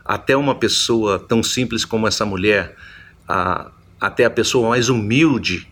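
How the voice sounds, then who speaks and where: A man's voice: lowish voice, a little slow, fairly bright tone. A man preaching a Bible teaching sermon, reflective, often repeating and restarting his phrases as he explains.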